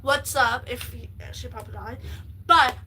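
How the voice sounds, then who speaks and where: High, bright-voiced woman rambling excitedly. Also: measured pace, slight background noise, low-quality recording. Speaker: livestreamer. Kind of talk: casual livestream chat.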